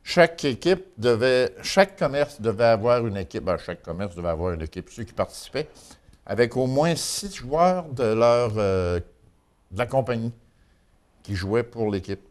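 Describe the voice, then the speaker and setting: A man's voice: mid-range voice, expressive, normal speed. A man with a Quebec French accent giving an informal local news chronicle in a folksy, colloquial way. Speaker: local news and gossip columnist.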